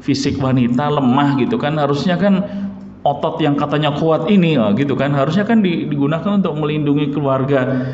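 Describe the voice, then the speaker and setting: A man's voice: fairly quick, a little mellow, slight background noise. Man preaching in an echoey mosque. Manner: conversational, asks the congregation questions; acts out quoted speech with raised pitch. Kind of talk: mosque sermon. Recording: echoey hall, dull lo-fi sound.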